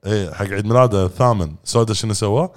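A man, chatting excitedly as a podcast co-host and telling stories in quick bursts. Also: lowish voice. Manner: excitable, rapid-fire storytelling. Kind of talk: casual podcast chat.

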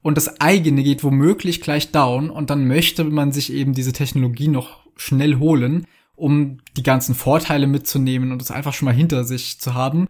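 A man's voice: mid-range voice, fairly even intonation, moderate pace, few pauses, a little mellow. A man hosting a podcast, posing long, structured questions about game strategy. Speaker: host. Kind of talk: podcast interview.

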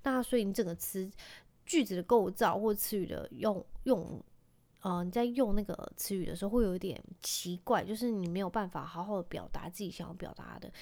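A woman's voice: medium pitch, a little fast, a little mellow. A woman in her thirties with a Taiwanese Mandarin accent, chatting casually and rambling with many fillers as a podcast host. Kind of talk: casual solo chat.

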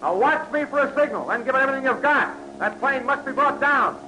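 A brash American adventurer in 1940s radio style, with a high, bright, forceful voice. He is punchy and commanding, and the old broadcast recording has audible noise. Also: lively intonation, brisk, exaggerated voice. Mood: urgent, commanding. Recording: noisy vintage radio drama recording.

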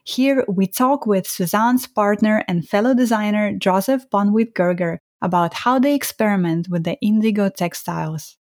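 A woman from Estonia, a native Russian speaker, hosting a travel show with slow narration and curious questions. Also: mid-range voice, a little mellow, dry recording, clean studio sound.

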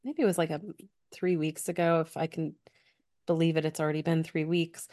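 Woman, low voice, podcast co-host, earnest coaching tone, casual chat. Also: little pitch movement, a little fast, warm tone.

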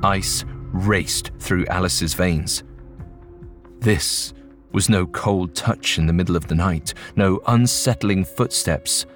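A man narrating a ghost story in a measured, suspenseful storytelling manner. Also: sits low, fairly bright tone. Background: faint music.

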